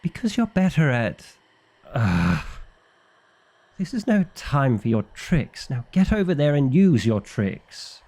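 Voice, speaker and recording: In an ASMR roleplay, a man plays a fussy, exasperated vampire librarian, sounding indignant, officious and dryly funny. His medium-pitched voice is a little mellow and very animated, though he takes things slowly, and the mood is frantic.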